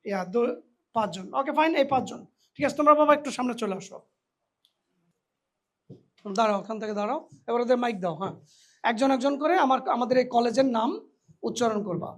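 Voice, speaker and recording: A man teaching English pronunciation to new college students in a hall, lively and teasing, slipping English phrases into his talk. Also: extremely high pitch, fast talker, long pauses. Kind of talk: lively classroom lecture with a live audience.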